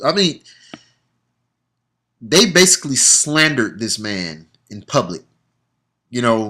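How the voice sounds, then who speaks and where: Male sports vlogger, bright sharp voice, blunt and heated, swears freely. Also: medium pitch. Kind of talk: opinionated casual monologue.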